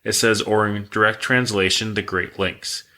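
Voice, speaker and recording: Low-voiced man telling a creepy tale. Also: moderate pace. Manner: relaxed, rambling, reads facts aloud. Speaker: podcast co-host telling the story. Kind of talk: casual podcast storytelling.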